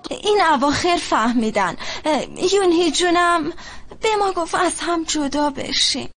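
A woman's voice: sits high, a bit bright. A young woman dubbing a lovestruck daughter who pleads with her family in a drama, in an emotional voice. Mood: pleading.

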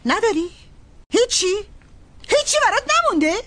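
A woman's voice: very high-pitched, expressive, fairly bright tone. An actress dubbing an angry younger sister who sharply demands her money back in a TV drama. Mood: furious. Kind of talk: Persian dub of a TV drama.

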